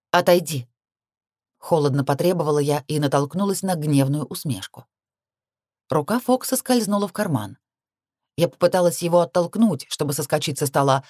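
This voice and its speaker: Low-voiced woman narrating an audiobook. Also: darkish tone, no echo, studio quality. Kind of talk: first-person audiobook narration.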